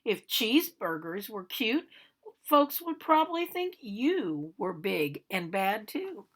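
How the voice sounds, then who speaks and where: A woman's voice: mid-range voice, big pitch swings, slow, full character voice. A woman voicing an aggrieved male big bad wolf, telling his own storybook tale in a chatty, theatrical way and protesting his innocence. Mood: indignant, chatty. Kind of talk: animated storybook read-aloud.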